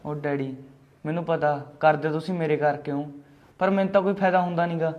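A man's voice: fairly high pitch, fairly even intonation, fairly quick, lo-fi sound, close to an everyday voice. A man playing a sulky young son who answers his father defensively. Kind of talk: short film acting.

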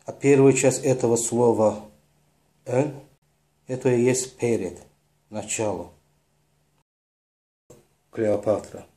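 A man slowly narrating a lesson on word sounds, spelling out each sound one by one in a measured, deliberate way. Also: mid-range voice, warm tone. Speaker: lecturer on word origins. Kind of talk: slow explanatory narration.

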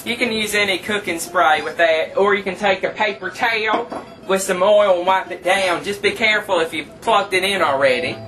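In a small home kitchen, a man with a high, sharp-toned voice talks at a moderate pace. He plays a campy, thrifty trailer park queen hosting a cooking show, giving a folksy, cheerful, tongue-in-cheek demonstration. The audio comes from a distant camera mic with music underneath.

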